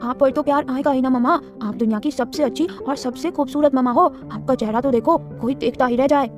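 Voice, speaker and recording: A woman's voice: high voice, steady tone, brisk, over music, close to an everyday voice. A woman voicing a sweet, cheeky little boy in an audio story, speaking in an innocent, coaxing way. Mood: adoring.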